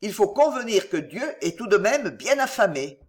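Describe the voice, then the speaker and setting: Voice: medium pitch, sing-song, normal speed, natural voice. A reader voicing a cynical, offhand nobleman. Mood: dry, offhand. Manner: dry and offhand. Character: blunt, cynical heavyset nobleman.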